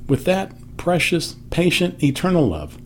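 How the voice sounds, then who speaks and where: Animated older man giving a devotional. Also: fairly high pitch, a little slow, a little hiss or hum. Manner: emphatic storytelling, softening for quotes. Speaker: devotional speaker. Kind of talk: devotional message.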